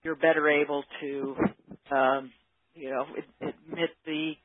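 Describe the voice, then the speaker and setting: A man's voice: a little high, little pitch movement, unhurried, noisy background. A man being interviewed as an expert, thoughtfully explaining his ideas and searching for the right words. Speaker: guest expert on workplace psychology. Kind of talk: conversational interview. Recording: phone-line audio.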